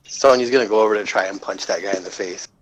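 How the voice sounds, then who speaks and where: A man's voice: on the low side, fast, fairly bright tone, rough recording. A man playing a tabletop game, blunt and full of questions. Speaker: player. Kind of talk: casual tabletop play.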